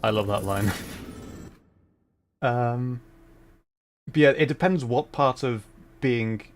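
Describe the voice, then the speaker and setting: A young adult man with a mid-range voice talks slowly while streaming a game. He rambles, corrects himself, and laughs often in a casual way.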